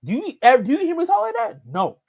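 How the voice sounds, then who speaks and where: A man's voice: very high-pitched, huge pitch swings, fast talker, noisy background. A man hosting a reaction video, rambling through casual commentary with many restarts. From Canada. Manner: rambling, repeats and restarts while he talks. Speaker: reaction channel host. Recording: dull lo-fi home recording.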